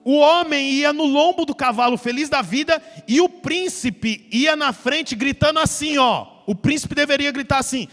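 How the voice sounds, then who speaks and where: A male pastor preaching a sermon, telling a Bible story in a lively way and acting out the characters in a church. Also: extremely high pitch, normal speed, few pauses. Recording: hall reverb with faint music.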